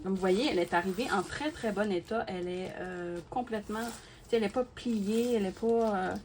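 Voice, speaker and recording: A woman's voice: medium pitch, fairly quick. A woman, a crafting YouTuber, chatting casually to her viewers while unboxing and gushing with many fillers and repeated words. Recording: steady background noise with clicks.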